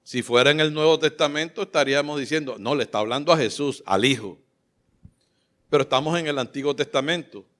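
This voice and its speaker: Male pastor, bright edgy tone, impassioned fervent sermon delivery. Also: fairly high pitch, fairly quick. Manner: impassioned, rises to loud fervent exclamations and gets choked up. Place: church sanctuary.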